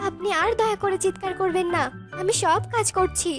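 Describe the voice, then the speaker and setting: A woman's voice: very high-pitched, steady tone, a little fast, over music. A woman voicing a meek, sickly young bird mother who pleads with her mother-in-law in a cartoon. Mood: pleading. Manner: pleading, gentle complaints.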